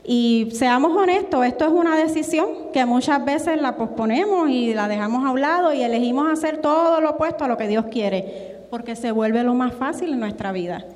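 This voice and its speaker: A woman's voice: animated, moderate pace, darkish tone, big-room sound. A woman preaching a sermon and reading scripture, earnest and emphatic, acting out the quoted lines. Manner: earnest, emphatic, acts out quotes with rising pitch.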